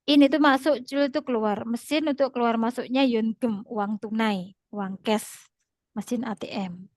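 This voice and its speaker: Higher-pitched woman tutor, dry close sound. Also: moderate pace, darkish tone, dry recording. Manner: explains patiently, repeats terms, laughs often. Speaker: Korean language tutor. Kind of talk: online class explanation.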